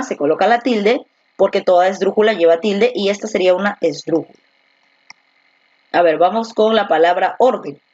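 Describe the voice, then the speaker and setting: A woman teacher giving an online class, patiently repeating words slowly to show where the stress falls and asking the student questions. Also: medium pitch, a little mellow, dull audio. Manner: asks rhetorical questions to the student. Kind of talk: virtual class lesson.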